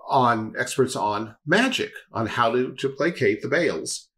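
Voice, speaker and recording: A man hosting a casual Bible discussion, telling the story in a rambling, animated way with repeated words. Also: mid-range voice, a little slow. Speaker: host and Bible teacher.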